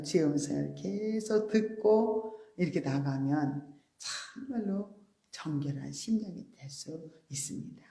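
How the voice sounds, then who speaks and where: A woman preacher giving a sermon, explaining earnestly with soft, polite endings. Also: mid-range voice, echoey room. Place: church sanctuary.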